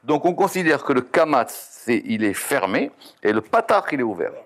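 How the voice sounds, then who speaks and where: A man's voice: medium pitch, very animated, normal speed, a bit bright. A man teaching a Kabbalah text lesson, reading Hebrew letter and vowel names and explaining them, often stopping to correct himself. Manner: reads Hebrew terms then explains in French, self-correcting.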